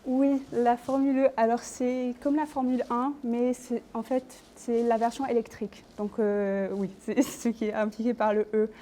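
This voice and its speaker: A woman's voice: on the high side, little pitch movement, moderate pace, few pauses, mellow. A young woman answering questions in an admissions interview, hesitant, with many fillers and self-corrections. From Australia. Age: young adult. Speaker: interview candidate.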